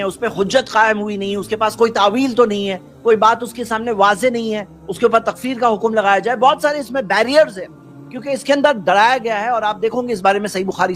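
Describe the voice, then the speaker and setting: A man giving an earnest religious talk who keeps asking rhetorical questions and quotes Arabic before explaining it. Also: high voice. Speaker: Islamic preacher.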